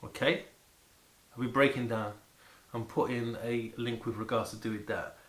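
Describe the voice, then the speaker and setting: A man chatting casually and excitedly to camera about food, rambling and repeating words for emphasis. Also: mid-range voice, moderate pace. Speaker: vlogger presenting food to camera. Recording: echoey room with faint background noise.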